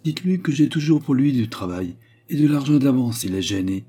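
A man's voice: medium pitch, expressive, brisk, warm tone, slightly rough, pitched above the performer's own voice. A man reading aloud, playing a good-hearted young workshop owner in an earnest, friendly way. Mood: kindly.

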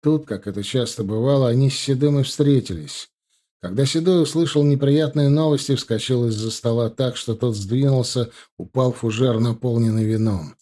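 A man narrating a first-person audiobook with steady storytelling. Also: medium pitch, normal speed.

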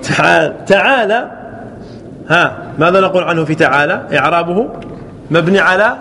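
A man teaching an Arabic grammar class, slowly drawing out example words and often checking that the students follow. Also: high-pitched, bright, forceful tone. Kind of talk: classroom lesson. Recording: echoey hall with faint ambient noise.

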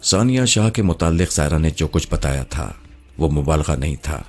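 A man giving measured, literary first-person narration of a novel. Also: extremely low pitch, animated, a little mellow, soft background music.

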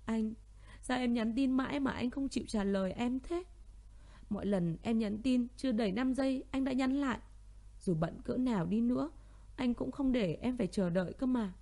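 A woman's voice: a little high, mellow, voice pushed up, natural voice. A woman voicing a heartbroken young pregnant woman who pleads tearfully with her brother and her missing lover, in a narrated audio story.

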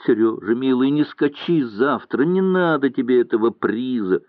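A man's voice: medium pitch, expressive, normal speed, dry recording, lightly acted. A male reader voicing a young woman who pleads and reproaches her lover through tears, in a dry, tinny audiobook recording. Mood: pleading. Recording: dry, tinny narrow-band sound.

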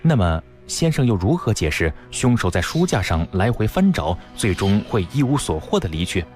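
A stern lord issues orders with cold scorn, voiced by a male storyteller. The voice sits low but moves with lively pitch, with faint music underneath. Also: moderate pace. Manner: cold, commanding, sneering.

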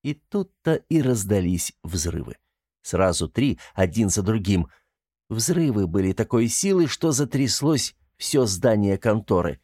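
Audiobook narrator: man, low voice, measured delivery, dry booth recording. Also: big pitch swings, warm tone, no room sound. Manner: measured, storytelling.

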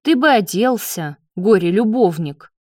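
A woman's voice: medium pitch, sing-song, measured pace, no room sound, studio quality. A woman voicing a sneering, scheming young man. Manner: sneering, taunting.

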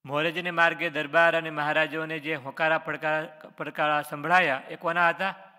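A man's voice: on the high side, level tone, normal speed, bright, forceful tone, big-room sound. A man, a religious teacher reading out quiz questions on scripture stories and answering each one, with short explanations. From Gujarat, India.

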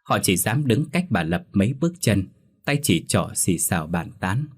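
A man narrating a horror story in a steady, measured, scripted way. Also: on the low side, husky.

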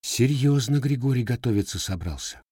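A man's voice: mid-range voice, lively intonation, moderate pace, mellow, husky, no room sound, studio quality, voice pushed up. A man voicing a sly, teasing young Cossack widow in a storybook reading, raising his voice for her. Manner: slightly raised, teasing folk speech.

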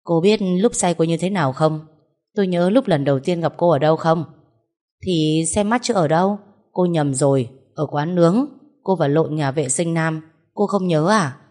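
A woman's voice: sits low, moderate pace, darkish tone, lightly acted. A woman reading as a teasing young husband.

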